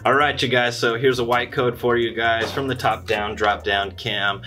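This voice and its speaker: A man's voice: medium pitch, level tone, normal speed, sharp tone, faint music behind. A man hosting a trading card pack opening video, upbeat and hyped about each pull. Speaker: channel host and dad.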